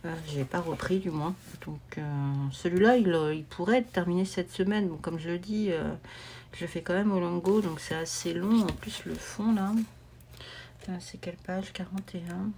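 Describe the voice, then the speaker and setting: A woman talks casually to her camera at home, wandering from thought to thought and filling the gaps with little hesitations. Her voice sits a bit low, and faint noise is under her. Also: normal speed, creaky, a little mellow. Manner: rambling, meandering, with many fillers and restarts. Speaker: coloring vlogger.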